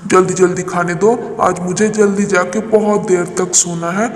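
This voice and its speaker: A man's voice: high-pitched, level tone, moderate pace, a little hiss or hum, lightly acted. A man voicing a sly, jealous male crow in a cartoon story, with a whiny, scheming way of talking. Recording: echoey roomy recording.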